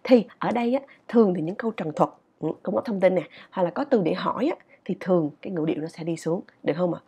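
A woman teaching English in a casual video lesson, chatty and animated, often checking in with her listeners. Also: fairly low pitch, fast, slightly rough.

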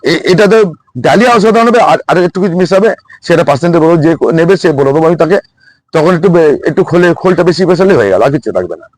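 A man who runs a plant nursery, explaining in a quick, excited, repetitive way in a casual chat outdoors at his nursery. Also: fairly high pitch, dry recording.

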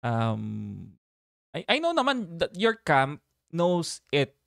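A man hosting a casual reaction livestream, animated and chatty, laughing often and reading viewer names aloud. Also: a little high, slow, gravelly, no room sound, clean studio sound.

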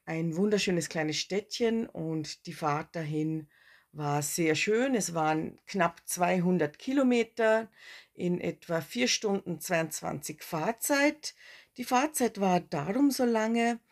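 A woman in her forties narrating her motorcycle trip in a relaxed, chatty way, with fillers and restarts. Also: on the low side, takes it slowly. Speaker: motorcycle travel vlogger. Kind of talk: casual travel narration.

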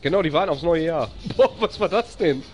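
A live-stream gamer with a German accent giving excitable let's-play commentary, cheering and laughing often and grumbling when the game gets stuck. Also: mid-range voice, brisk, soft background music.

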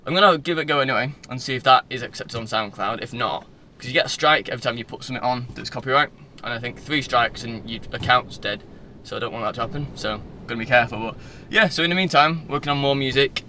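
Talking quickly with few pauses, a Northern English vlogger in his twenties has a sharp, medium-pitched voice. He chats informally and digressively into a phone at arm's length in a car, with faint interior noise behind him.

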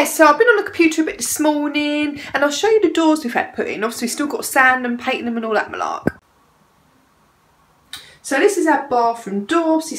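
A woman's voice: high voice, fairly bright tone. A woman, chatting casually to camera at home and rambling a little. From England. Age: 30s. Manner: chatty and rambling, fond baby talk to her cats. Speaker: vlogger. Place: her home, indoors.

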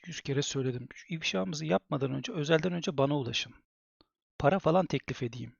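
A man live-streaming who swears heavily and rants at his chat in fast, exasperated outbursts. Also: on the high side, vocal fry, no echo, dull audio.

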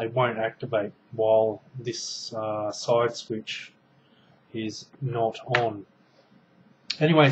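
Slow, rambling man on a lo-fi webcam. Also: mid-range voice, a little hiss or hum. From Australia. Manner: rambling, many ums and restarts, hands busy with gadget. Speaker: product reviewer. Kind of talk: casual show-and-tell review. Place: small room indoors at home. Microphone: webcam mic at close range.

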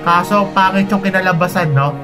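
A man hosting a reaction video, commenting on an animation in an animated, alarmed way, yelping and calling out to his viewers. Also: high voice, brisk. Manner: animated, yelps and shouts in alarm, addresses viewers as idols. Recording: music playing loudly behind.

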